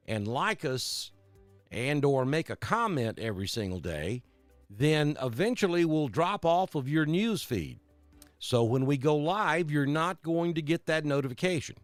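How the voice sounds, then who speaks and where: A man's voice: a little high, dry recording. A middle-aged weatherman talks in a loose, friendly way on a live stream, calling out viewers by name. His voice rises and falls a great deal. The sound is dry and close, with faint music underneath. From Alabama. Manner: chatty, greets viewers by name. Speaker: weather broadcaster.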